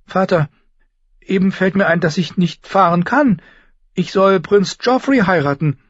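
A man putting on a spoiled teenage noble girl from a storybook reading, petulant and whiny, her voice pushed very high above his own and loud. She pleads and complains in a steady indignant whine, with a husky edge, on a slightly dull lo-fi recording. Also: unhurried, no echo. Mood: pleading.

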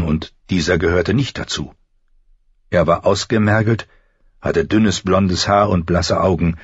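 Male audiobook narrator, very low voice, husky, measured, slightly dull sound. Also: no echo.

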